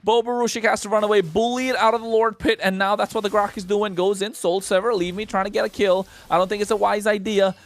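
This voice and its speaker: A man calls a mobile esports match play by play. His voice sits high and his calls come fast and excited, full of hype chants. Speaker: esports caster. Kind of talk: play-by-play commentary.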